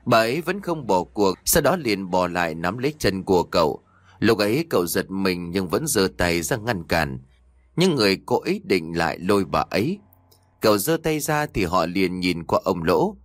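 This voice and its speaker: A man narrating a story in an expressive way. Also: low voice, no echo.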